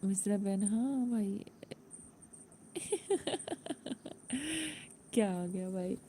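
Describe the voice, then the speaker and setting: A woman's voice: medium pitch, fairly even intonation, normal speed, warm tone, a little hiss or hum. A woman hosting a casual live stream, chatting and laughing with viewers and greeting them by name.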